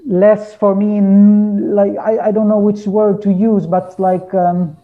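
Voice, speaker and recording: In a relaxed interview, a folk musician guest speaks slowly and flatly in a high-pitched voice, the audio narrow and tinny. He is hesitant, groping for words in English, which isn't his first language.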